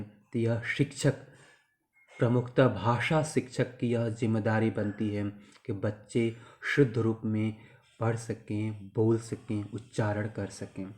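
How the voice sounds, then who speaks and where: Slow, mellow-voiced male lecturer. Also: mid-range voice. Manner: measured, explanatory, emphatic on key terms. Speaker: teacher educator. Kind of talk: spoken lecture on teaching.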